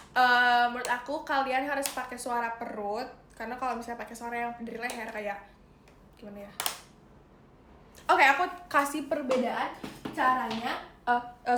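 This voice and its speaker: Her voice is fairly high and fairly bright as this young idol host chats with viewers on a casual phone livestream. Addressing them as guys, she playfully offers singing advice and breaks into brief demo lines, against roomy echo and faint noise behind her.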